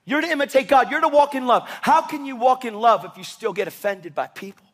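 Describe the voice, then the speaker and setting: A man preaching a sermon, animated and impassioned, with sudden loud bursts. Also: very high voice, brisk.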